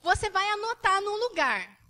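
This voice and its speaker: A woman with a Brazilian Portuguese accent preaching a sermon to a church, telling a story with animated, repetitive emphasis. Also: extremely high pitch, normal speed.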